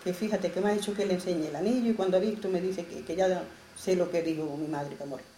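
A woman's voice: lowish voice, fast talker, warm tone, echoey room, slight background noise, close to an everyday voice. A woman voicing a frightened young girl in a folk tale, speaking plaintively. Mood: tearful. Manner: plaintive, distressed.

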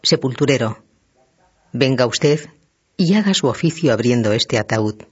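A man's voice: mid-range voice, expressive, a little slow, husky. A man reading the part of a stern judge who questions the accused in a hard, commanding tone. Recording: dull lo-fi recording.

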